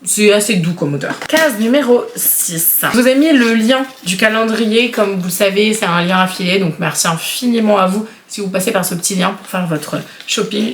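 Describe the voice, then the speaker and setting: A woman's voice: medium pitch, slight background noise. A woman in her thirties chatting casually and enthusiastically as she unboxes beauty products, with frequent fillers. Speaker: beauty vlogger. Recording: roomy echo.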